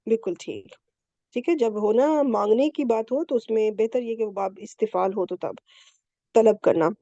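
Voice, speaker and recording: A woman's voice: fairly high pitch, warm tone, dry recording, lo-fi sound. Patient woman teaching over a call. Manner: patient, explains step by step with check-ins. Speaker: Quranic Arabic grammar teacher. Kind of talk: online class teaching. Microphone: computer mic on a video call.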